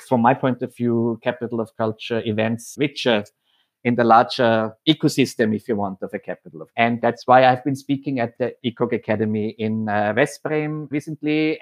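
A man from Austria, head of programs at a foundation, speaking in a measured, explanatory way with occasional hesitations. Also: mid-range voice. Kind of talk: podcast interview monologue.

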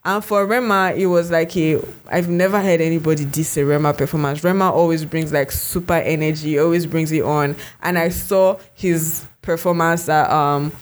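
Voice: mid-range voice, steady tone, normal speed, hardly any pauses. A podcast co-host, chatting casually and rambling with many fillers and restarts. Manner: rambling, heavy use of "like" and restarts.

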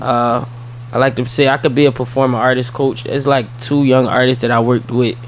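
A man from South Philadelphia with a Philly accent, a guest in a casual interview, speaking softly and easily with lots of ums. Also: medium pitch, fairly quick. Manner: soft-spoken, relaxed, with many fillers. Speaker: guest, entrepreneur and youth mentor. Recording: faint background noise.

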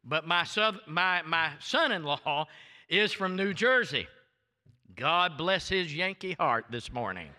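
An older man with a thick Deep South American accent, preaching in a folksy, emphatic, storytelling way as a pastor. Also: lively intonation, takes it slowly, bright, forceful tone. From southern United States. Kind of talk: sermon. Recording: reverberant hall sound.

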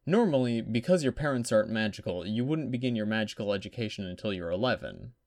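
A man voicing a calm, self-assured boy who acts as a teacher, speaking in a measured, coaxing way in a dry, close recording. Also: on the low side, no echo.

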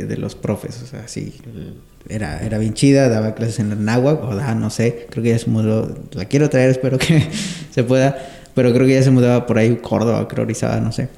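Gravelly Mexican man in echoey room. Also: medium pitch. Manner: relaxed, slangy, frequent backchannel. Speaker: podcast host. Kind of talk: casual chat.

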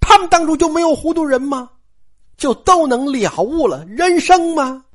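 A woman's voice: high voice, expressive, normal speed, voice pushed up. A woman storyteller voicing a proud, stubborn young noble girl in a cold, aloof manner.

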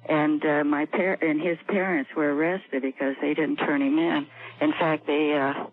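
An older woman calling in to a radio show over the phone, speaking softly and hesitantly. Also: low-pitched, fairly even intonation, normal speed, dry recording. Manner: soft-spoken, hesitant. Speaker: caller. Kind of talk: call-in radio talk. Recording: tinny phone line, dry.

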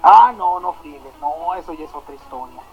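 A woman's voice: fairly low pitch, moderate pace, gravelly. Mexican woman, radio host, chatty storyteller, dull broadcast sound with faint music underneath. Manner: chatty, slangy, animated storyteller. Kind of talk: casual storytelling chat.

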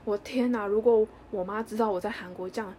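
Young woman podcast cohost, rattles off her story quick, faint hum behind. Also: mid-range voice. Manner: animated storyteller, quick, acts out dialogue. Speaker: podcast co-host. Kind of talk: casual chat, storytelling.

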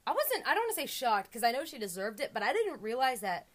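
A young woman co-hosting a casual podcast, telling stories in an animated way, full of "like.". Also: a little high, quick pace. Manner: animated storytelling, lots of "like". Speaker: podcast co-host. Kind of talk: casual chat.

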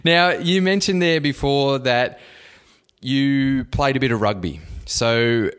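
A man's voice: mid-range voice, takes it slowly, a bit bright, clear, resonant tone. A man with an Australian accent, hosting a podcast in a casual, conversational interviewing style. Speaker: podcast host.

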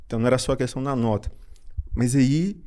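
A young man from Brazil, a psychiatrist, guesting on a podcast and telling a personal story in an animated way, laughing often and repeating phrases. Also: mid-range voice, fast. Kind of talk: casual storytelling in an interview.

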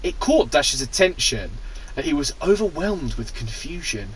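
A man's voice: fairly high pitch, very animated, normal speed, slightly rough, rough recording. A man hosting a podcast, reading crude fan fiction aloud with giggly, exaggerated asides. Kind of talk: comic reading and banter.

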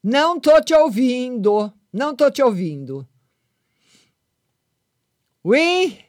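On a casual live call-in show, an older woman gives callers readings and chats with them fondly, calling each "my lovely." Her high voice is sing-song, slow and darkish, recorded dry with clean studio sound.

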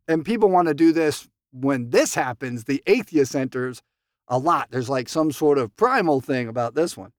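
A man reading aloud from a recovery text and commenting on it, lively, acting out the quoted lines and checking in with "right?". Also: mid-range voice, normal speed, dry recording, clean studio sound. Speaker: recovery group speaker.

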